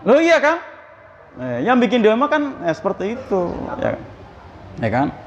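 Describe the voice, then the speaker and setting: A man's voice: very high-pitched, wildly swooping pitch, measured pace, long reverb tail. A man preaching in a mosque. He talks in a chatty way, asks the congregation questions and acts out the dialogue of the people in his story. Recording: slightly dull, faintly noisy.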